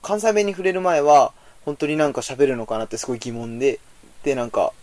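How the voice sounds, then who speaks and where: A young man from Kanto answers interview questions casually and chattily, leaning on frequent fillers. He talks fast at a middle pitch. The recording is dry and close. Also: fairly even intonation, a little mellow, no echo. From Kanto, Japan.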